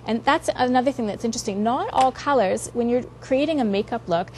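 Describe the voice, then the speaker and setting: A woman's voice: fairly high pitch, brisk, darkish tone, a little hiss or hum. Woman explaining products on home shopping. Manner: explanatory, advising, with loose run-on phrasing. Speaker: guest makeup expert presenting her own product line on home shopping.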